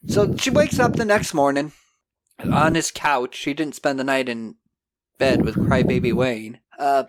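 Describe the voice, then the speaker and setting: A man hosting a podcast, recapping a film in a casual, animated, jokey way. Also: mid-range voice, a little slow, background noise. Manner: animated storyteller, jokey, acting out scenes. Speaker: podcast host.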